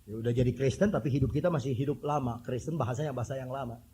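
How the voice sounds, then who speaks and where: A man preaching a sermon, animated and joking, with mimicked voices and whistle sounds. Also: mid-range voice, very fast, slight background noise. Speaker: pastor.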